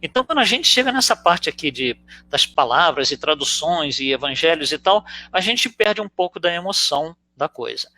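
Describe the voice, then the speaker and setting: A Brazilian-accented man teaches in a relaxed lecture, posing rhetorical questions as he goes. His voice sits high and swings widely in pitch, with a bright, forward tone. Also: moderate pace. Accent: Brazilian Portuguese. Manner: explains with rhetorical questions and frequent "né". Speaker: spiritist lecturer. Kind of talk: conversational teaching talk.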